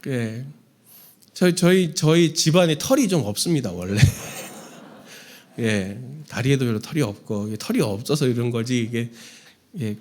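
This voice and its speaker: A man's voice: a little high, darkish tone. A male pastor giving a candid, self-deprecating Sunday sermon to his congregation. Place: church sanctuary.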